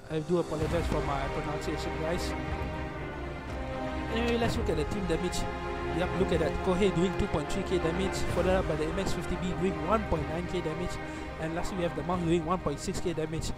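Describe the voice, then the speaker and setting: A young Malaysian man with a Malaysian accent commentating a live online tournament match, excitable and often correcting himself mid-phrase. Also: on the high side, fast talker, over loud music. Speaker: esports stream commentator. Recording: noisy background hum.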